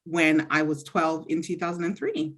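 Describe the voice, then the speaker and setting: A woman from Zambia, around thirty, gives casual interview answers. Her voice sits on the low side and she comes across as chatty and sure of herself, often pausing to reflect. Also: fairly even intonation. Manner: chatty, self-assured, reflective. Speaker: interviewee, university graduate.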